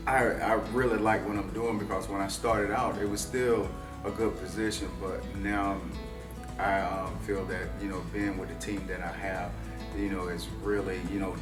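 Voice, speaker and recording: A man's voice: deep voice, level tone, normal speed. A man, a retired soldier now leading a team, talking casually with many fillers in an employee interview. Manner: casual, many "you know"s. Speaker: team leader, military retiree. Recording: roomy, distant mic, music behind.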